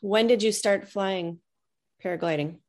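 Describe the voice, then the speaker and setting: A woman's voice: mid-range voice, unhurried. A woman hosts a casual interview. She speaks in a plain voice and moves the talk along with brief questions. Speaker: interviewer host.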